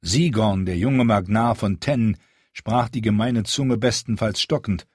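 A man narrating an audiobook in measured storytelling. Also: on the low side, husky, dry recording, clean studio sound. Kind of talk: scripted narration.

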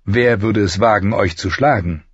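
A man's voice: on the low side, normal speed, slightly rough, no echo, muffled recording. A man reading a formal, courteous knight. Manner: formal, respectful.

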